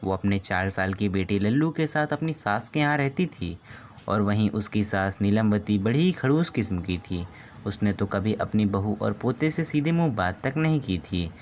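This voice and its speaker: A man narrating a cartoon story in a steady, scripted storytelling voice. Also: on the low side, normal speed, slight background noise.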